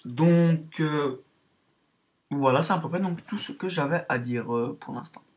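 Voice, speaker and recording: A man's voice: fairly high pitch, a little slow. A man giving casual commentary on his own online game match, hesitant and padding his talk with fillers. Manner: hesitant, full of "donc" and "euh" fillers.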